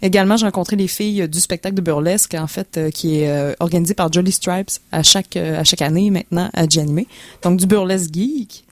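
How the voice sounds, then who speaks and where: A young Quebec French woman chatting away as a radio guest, her speech sitting a little low for a woman. She stumbles through restarts and fillers, and the studio sound is close and dry. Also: a little fast, no echo. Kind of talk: casual radio chat.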